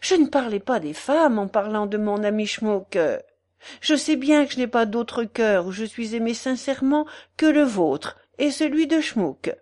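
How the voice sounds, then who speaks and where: A woman's voice: on the high side, expressive, a little slow, darkish tone. A woman voicing a sick elderly man who speaks in a weary, pleading way.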